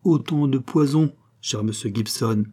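A man's voice: mid-range voice, unhurried, mellow, close to an everyday voice. A man playing a lovesick pleading young gallant. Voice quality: impassioned, pleading, florid.

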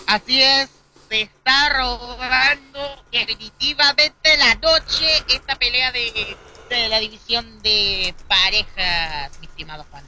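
A woman's voice: a little high, slow, sharp tone, slight background noise, low-quality recording. A woman co-commentating live wrestling in a conversational style.

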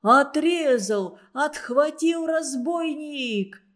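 A woman reading a storybook aloud and voicing an enraged older man who shouts in outrage. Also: fairly high pitch, slow. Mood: furious. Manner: shouting, indignant. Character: furious older man, roaring at the barber.

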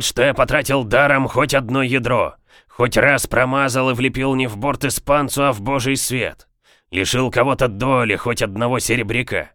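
A man's voice: medium pitch, a bit bright, dry recording, studio quality, natural voice. A man voicing a veteran male pirate gunner who declaims to a crowd in a raised, rallying way.

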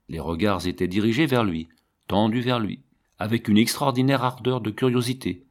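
A man narrating a literary audiobook in a measured, expressive way. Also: fairly low pitch.

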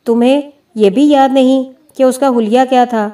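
A blunt army major, impatient and curt, read by a woman with a mellow, fairly high voice. He presses with short questions. The mic is set well back. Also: steady tone, close to an everyday voice. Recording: distant mic.

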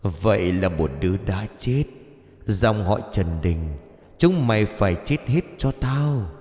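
A man voicing a vengeful old woman in a ghost story, low and slow with menace. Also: expressive, darkish tone, echoey room, in a large hall. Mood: gloating.

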